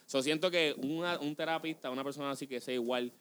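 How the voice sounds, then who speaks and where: A man's voice: on the high side, fast, a bit bright, clear, resonant tone. A young man hosting a podcast in casual chat, rambling and mixing in English phrases. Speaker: podcast host.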